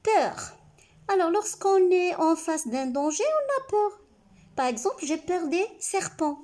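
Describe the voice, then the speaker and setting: A woman teacher giving a reading lesson to young pupils, saying words slowly and clearly, syllable by syllable, asking the class questions and praising their answers. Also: very high voice, mellow. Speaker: primary school teacher.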